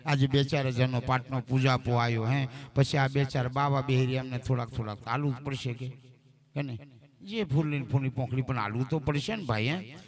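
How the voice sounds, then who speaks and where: A man preaching at a devotional gathering, rising to loud exhortation and dropping to soft asides, with frequent rhetorical questions. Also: mid-range voice, a little fast. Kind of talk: village sermon with stories.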